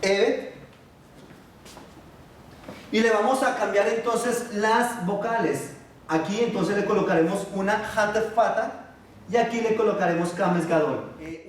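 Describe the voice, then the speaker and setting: A man teaching a Biblical Hebrew class, patiently asking his students questions and pausing on fillers. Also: high-pitched, distant mic, a little hiss or hum. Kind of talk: classroom lesson. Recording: echoey room, voice from afar.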